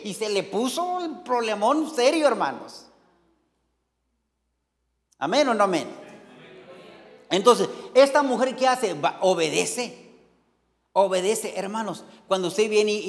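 Man, Mexican accent, pastor, fervent sermon, high voice, reverberant hall. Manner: fervent preaching, repeating "hermanos", lively asides. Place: church hall.

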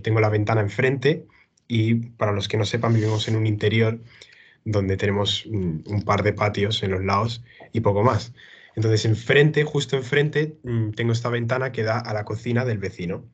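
A man's voice: medium pitch, muffled recording. A young man telling a funny story in casual chat, hesitant and full of fillers.

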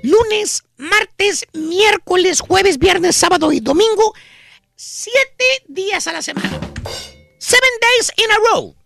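A man's voice: very high voice, lively intonation, slow pace, gravelly, over music, exaggerated voice. A man voicing a cartoonish, teasing gossip storyteller with a Mexican accent, in slangy Chicano-style Spanish peppered with English, for a comic radio bit. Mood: teasing, excited.

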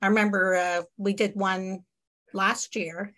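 A woman's voice: mid-range voice, level tone, a little slow, fairly bright tone, rough recording. A woman author chatting casually as an interview guest, laughing often and using many fillers. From Quebec, Canada.

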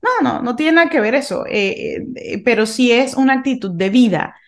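A woman's voice: fairly high pitch, lively intonation, moderate pace. Reflective Venezuelan-born woman, thinking aloud. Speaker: podcast co-host. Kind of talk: casual faith discussion.

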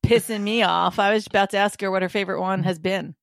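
A woman's voice: mid-range voice, fairly even intonation, fast talker, gravelly, dry recording. Woman cohost teasing the guest, dry humor, close mic. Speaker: podcast co-host. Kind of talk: casual chat.

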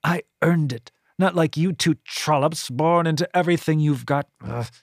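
A narrator voicing a pompous, bitter middle-aged woman high priestess who talks in a haughty, drawn-out sneer. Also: no room sound, clean studio sound, close to an everyday voice. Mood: scornful.

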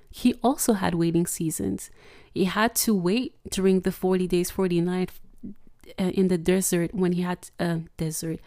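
A woman's voice: lowish voice, gravelly, warm tone, dry recording, studio quality. Earnest woman hosting a faith podcast. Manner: earnest, encouraging, repeats key phrases. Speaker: podcast host.

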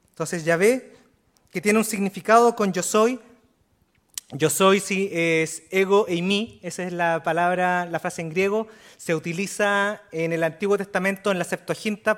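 A man's voice: high voice, fairly bright tone. A man preaching a sermon in earnest, repeating key words and adding rhetorical asides to his listeners. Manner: repeats words and restarts phrases. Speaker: pastor.

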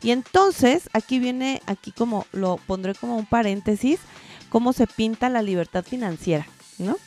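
A woman's voice: on the high side, expressive, moderate pace, darkish tone, faint music behind. A woman with a Mexican accent hosting a podcast as a casual, colloquial monologue, with playful asides to her listeners. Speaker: podcast host.

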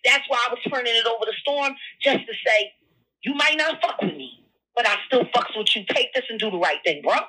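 A woman's voice: a little high, expressive, a little fast, pushed and bright. A woman caller heard over a phone line, talking bluntly and profanely and repeating herself for emphasis in a heated conversation. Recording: phone call audio.

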